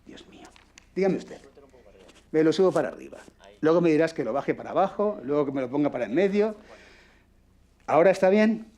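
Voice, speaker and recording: A man with a Peninsular Spanish accent runs a radio acting workshop, speaking in a slightly high voice for a man. He is blunt and happily foul-mouthed, and he acts out examples for his students. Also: lively intonation, a little fast, pauses often, darkish tone, muffled recording. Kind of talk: workshop teaching. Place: workshop room with microphone.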